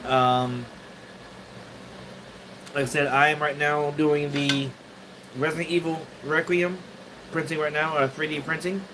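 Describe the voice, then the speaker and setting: A man casually chatting on a livestream from his home studio, rambling and halting as he greets viewers. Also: a little high, level tone, background noise. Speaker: 3D printing livestreamer.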